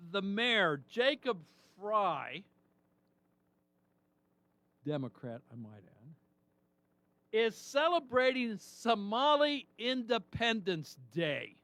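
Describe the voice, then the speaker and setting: A talk radio host holds forth in a high, unhurried voice, leaning hard on his points and firing off rhetorical questions. The man sounds close and dry, with no room around him. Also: fairly bright tone, dry recording. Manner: indignant, emphatic commentary with rhetorical questions. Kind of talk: opinionated talk radio monologue.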